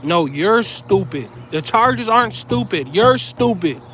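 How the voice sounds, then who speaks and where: A man's voice: high voice, lively intonation, a little slow, a bit bright, a little hiss or hum. A man delivering heated, profane commentary straight to his viewers, blunt and scolding.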